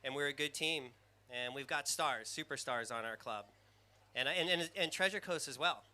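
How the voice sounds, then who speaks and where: Calling a live surf competition, this excitable man rambles in a squeaky surfer voice, pointing out riders by jersey color and speaking at a normal pace.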